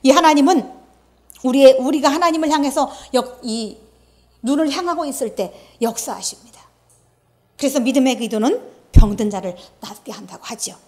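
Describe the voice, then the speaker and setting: High-pitched middle-aged lady pastor preaching, earnest, chatty, acts out the quotes. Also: expressive, moderate pace, darkish tone. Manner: earnest, storytelling with acted-out quotes. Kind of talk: sermon.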